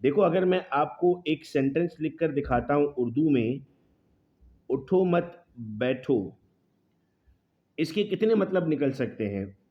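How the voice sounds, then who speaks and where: A man giving a video lecture on English grammar mistakes. He calls his students "beta" and slows down to read example sentences word by word. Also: a little high, lively intonation. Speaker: English teacher. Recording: slightly dull lo-fi audio.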